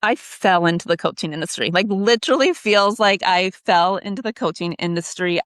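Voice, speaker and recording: A woman's voice: mid-range voice, normal speed, a bit bright, dry recording, clean studio sound. Blunt, emphatic woman podcast guest. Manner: emphatic and blunt, swears freely. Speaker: podcast guest, business coach. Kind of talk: candid conversational interview. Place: in Canada.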